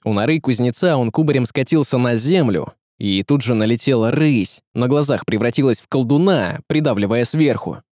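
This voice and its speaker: A man reading an audiobook with lively, dramatic storytelling. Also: medium pitch, moderate pace, hardly any pauses, no room sound, clean studio sound. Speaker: audiobook narrator. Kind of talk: scripted audiobook narration.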